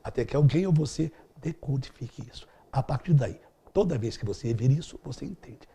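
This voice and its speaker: Gravelly, lively-pitched teaching man. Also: a little fast. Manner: didactic, uses vivid everyday examples. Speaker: speed-reading instructor. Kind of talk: explanatory interview answers.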